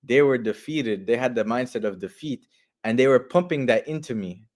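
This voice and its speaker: A Canadian football player in his twenties talks candidly in a casual interview, repeating phrases for emphasis. His mid-range voice is expressive and darkish, at normal speed.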